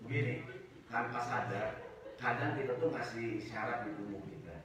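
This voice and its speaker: A man's voice: medium pitch, normal speed, crowd noise. A man giving a casual, humorous sermon as a religious teacher, acting out the complaints of his listeners in raised voices and joking with the audience. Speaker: ustaz giving a study circle talk. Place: mosque hall. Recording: echoey mosque hall from far off.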